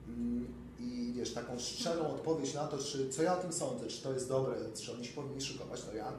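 A man's voice: medium pitch, a little fast. A man in his forties, a trainer and dietitian, chatting casually and filling his talk with asides. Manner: talkative, fills with "wiesz". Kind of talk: casual conversation. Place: bright office room. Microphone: far camera. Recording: echoey room from far off with noise.

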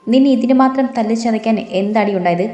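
A woman's voice: on the high side, quick pace, dark tone, echoey room, close to an everyday voice. Woman reading as a mocking angry husband. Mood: taunting. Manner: sarcastic, taunting.

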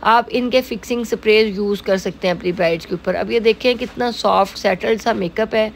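A woman's voice: medium pitch, brisk, creaky. A middle-aged woman with a Pakistani Urdu accent talks through a makeup tutorial as a salon owner. Her speech is chatty and loose, full of filler phrases and small restarts. Faint room noise sits under her mid-range voice. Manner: chatty, repeats "jo hai woh" fillers. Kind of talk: casual makeup tutorial narration.

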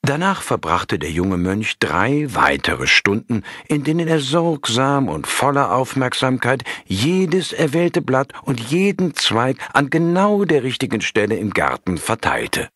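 A man reading a story aloud in a calm, measured storytelling manner. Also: mid-range voice, no echo. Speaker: audiobook narrator. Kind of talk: scripted narration of a story.

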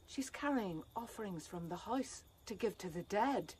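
A woman playing a calm chorus woman. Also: medium pitch, moderate pace, a little hiss or hum, lightly acted. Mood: concerned. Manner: calm, probing questions. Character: concerned woman of the chorus, questioning.

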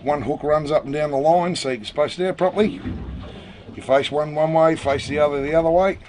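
A man's voice: on the high side, a little fast, a little mellow. A middle-aged man explaining a fishing rig step by step on a small boat at sea. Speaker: fishing host. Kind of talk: instructional commentary. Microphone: camera mic. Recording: wind and boat noise outdoors.

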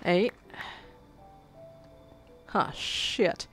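Very slowly and with a somewhat bright voice, a woman reads quest text aloud during casual let's-play commentary, soft music in the background. She's fighting a cold, sucking a cough drop, and cursing at her in-game mishaps.

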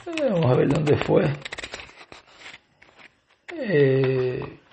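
A man with a Puerto Rican accent preaching at a Bible study. He reads scripture aloud and then explains it, with frequent pauses. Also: a little high, wildly swooping pitch, warm tone, a little hiss or hum. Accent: Puerto Rican Spanish. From Puerto Rico. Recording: dull lo-fi sermon recording.

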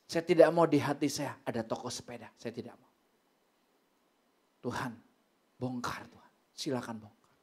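A middle-aged man preaching a sermon as pastor, telling stories with lively swings from loud, high exclamations to low, quiet asides. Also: moderate pace, long pauses, breathy edge.

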